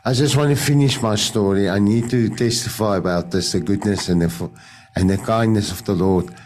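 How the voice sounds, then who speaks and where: This man, a radio presenter and native Afrikaans speaker, tells his faith story on a video call in a fairly low, dark-toned voice. English doesn't come easily, so his delivery is halting, with many restarts while he looks for words.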